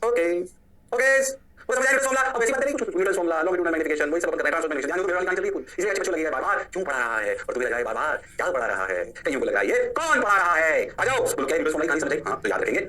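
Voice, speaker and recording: A male physics teacher giving a lecture in a high, bright voice. He talks energetically, asks the class questions and then answers them himself. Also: very fast. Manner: energetic, repeats points and answers his own questions for the class. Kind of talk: online lecture.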